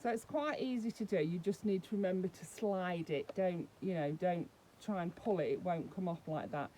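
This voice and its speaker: A woman's voice: on the low side, normal speed, mellow, slight background noise, poor audio. A woman vlogging a casual unboxing, chatting and explaining each step as she handles the doll.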